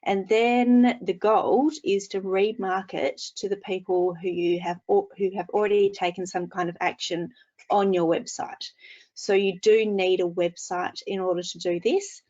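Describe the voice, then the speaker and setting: A woman giving a brisk, casual presentation, heard through screen-recorded video call audio from a computer mic. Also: on the low side, darkish tone, highs cut off. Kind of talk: webinar presentation. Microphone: computer mic, no headphones.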